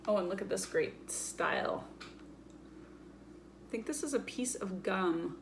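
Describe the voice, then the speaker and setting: A woman hosts a children's story time, chatting casually and playfully as she holds things up and explains them simply. Her voice is gravelly and medium in pitch, animated but slow, with a slight hiss or hum in the recording.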